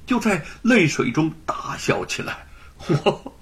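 A man narrating a serialized story in an expressive, dramatic storytelling manner. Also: high-pitched, measured pace, husky. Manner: expressive, swings between loud and hushed.

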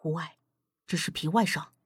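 A woman voicing a calm, reserved young man who speaks tersely and quietly in old-fashioned phrasing, in an audiobook reading. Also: medium pitch, moderate pace, pitched below the performer's own voice, close to an everyday voice.

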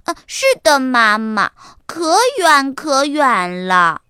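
A woman voicing a bold, eager little boy fox in a children's storybook reading, excited and boastful. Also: high voice, slow pace, clear, resonant tone, dry recording, studio quality, exaggerated voice.

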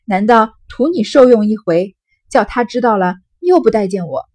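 A quick-witted young maid from an old novel, teasing and scolding with a sharp tongue, read by a woman. The voice is slightly husky and a little loud. It sounds like an audiobook reading. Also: mid-range voice, lively intonation, natural voice.

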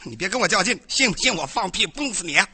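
A man, a comic stage performer firing back gruff, blustering rhymed comebacks. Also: sits high, expressive, fast, pushed and bright.

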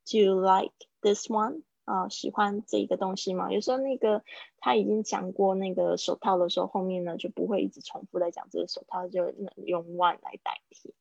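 A woman teaching an English class over a live online call, patiently explaining and repeating example phrases slowly. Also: medium pitch, steady tone, vocal fry, a little mellow, no room sound. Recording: dull lo-fi dry stream audio.

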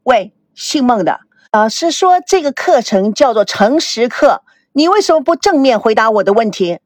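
A woman voicing an angry, jealous young bride-to-be in an audiobook, sharp and accusing. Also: fairly high pitch, sing-song, moderate pace, no echo.

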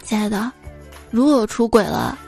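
A woman's voice: medium pitch, animated, normal speed, creaky, a little mellow, faint music behind. A woman hosting a radio joke segment, reading one short gag after another and raising her voice for the quoted characters. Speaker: radio host telling jokes.

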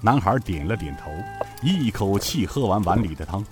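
A man narrating a serialized novel as an expressive, measured storyteller. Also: fairly low pitch, music in the background.

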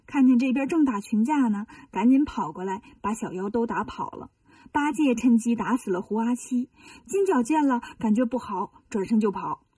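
Woman reading a kids' story, folksy and lively, dark husky voice, a bit far from the mic. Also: a little high, no echo. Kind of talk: children's story narration.

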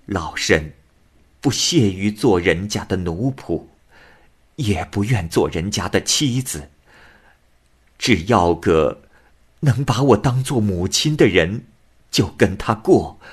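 A man voicing a kindly, shrewd old woman, soft and motherly in tone. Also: fairly low pitch, expressive, slow pace, long pauses, slightly rough, heavily acted. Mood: dignified.

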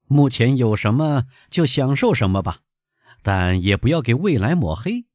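A man reading aloud, voicing an impulsive, spirited young gentleman who exclaims eagerly. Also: medium pitch, big pitch swings, normal speed, dry recording, clean studio sound, pitched above the performer's own voice.

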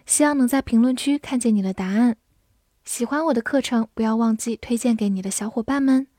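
音色柔和的女声英语老师. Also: female voice, a little high, mellow, no echo, studio quality. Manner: clear, patient, reads example words slowly. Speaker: English teacher. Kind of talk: vocabulary lesson narration.

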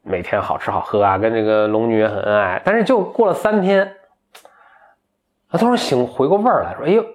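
The storyteller, a man with a mid-range voice and a fairly quick pace, casually recounts a folk tale to a friend, laughing at it and voicing the characters lightly in a chatty manner.

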